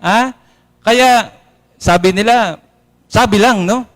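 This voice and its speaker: Filipino-accented priest preaching in a hall, high voice, lively retellings. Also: male voice, takes it slowly. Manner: animated, acts out quoted complaints in a higher voice. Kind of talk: sermon. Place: church or hall, in front of an audience. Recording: long reverb of a hall.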